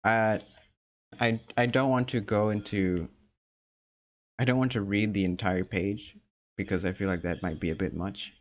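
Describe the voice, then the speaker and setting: A young man co-hosting a casual podcast chat, talking slowly with many ums and restarts. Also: on the low side, steady tone. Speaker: podcast co-host. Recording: dull lo-fi sound.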